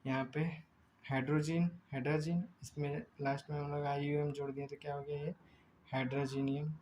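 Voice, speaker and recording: A man teaching a chemistry lesson. He explains step by step, asks himself rhetorical questions, draws chemical names out slowly and often corrects himself mid-word. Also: fairly high pitch, little pitch movement, a little mellow, a little hiss or hum, low-quality recording. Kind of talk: recorded lecture.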